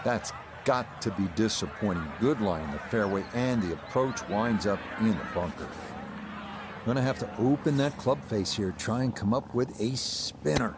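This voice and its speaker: A man giving measured, descriptive play-by-play golf commentary as an announcer. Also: lowish voice, expressive, noisy background.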